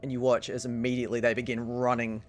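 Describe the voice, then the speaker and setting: A man's voice: medium pitch, monotone, quick pace, a little hiss or hum. A man narrating and running a tabletop role-playing game as game master, laughing often and easy with his fillers.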